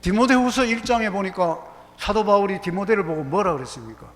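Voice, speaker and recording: A man's voice: high-pitched, brisk, a bit bright. A middle-aged man with a Gyeongsang accent preaching a sermon as pastor, telling folksy stories and slipping into quoted voices and dialect. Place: church sanctuary. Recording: long hall reverb, faint hum.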